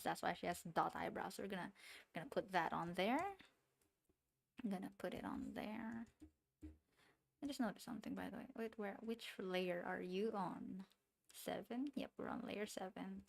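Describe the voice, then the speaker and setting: Drawing live for her chat, this young streamer, whose English carries a non-native accent, rambles and giggles, often talking to herself. Her medium-pitched voice is creaky, her pace normal, and she leaves long pauses.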